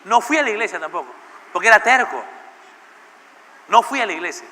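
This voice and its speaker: A man's voice: high-pitched, lively intonation, a little fast, bright, forceful tone. A male pastor telling a personal story in a sermon and putting questions to the congregation, in a church with a long echo. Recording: church hall with long reverb.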